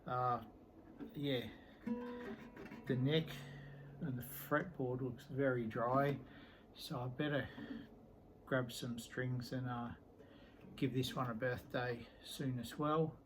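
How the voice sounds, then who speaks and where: A man's voice: medium pitch, fairly even intonation, takes it slowly, pauses often, poor audio. A middle-aged man showing his guitar collection in a casual vlog, talking in an easygoing, rambling way full of ums and trailing-off sentences. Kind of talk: casual show-and-tell vlog.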